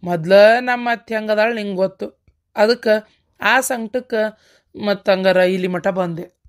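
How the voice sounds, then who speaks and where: A woman's voice: medium pitch, unhurried, natural voice. A woman voicing a young village husband in a cartoon, pleading and coaxing for money, with a North Karnataka accent. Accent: North Karnataka Kannada. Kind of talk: cartoon voice acting.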